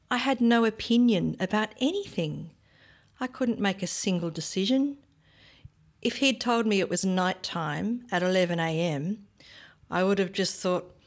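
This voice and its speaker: A woman reading a scripted first-person story in a measured, reflective way. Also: mid-range voice. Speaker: narrator.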